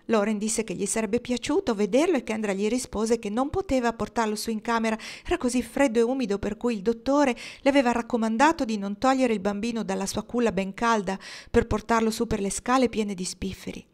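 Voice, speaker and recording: A woman narrating a novel in a measured, expressive audiobook reading. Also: fairly high pitch. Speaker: audiobook reader.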